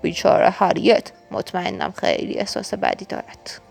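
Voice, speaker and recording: A woman's voice: medium pitch, huge pitch swings, vocal fry, a little mellow, faint music behind, full character voice. A woman voicing a friendly young beaver friend in a storybook reading.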